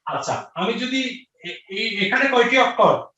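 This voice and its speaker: Speaking a little slowly, a man with a very high, sharp voice runs an online grammar lecture. He repeats questions and answers and checks with students, and the lo-fi audio is dull, distant, and roomy.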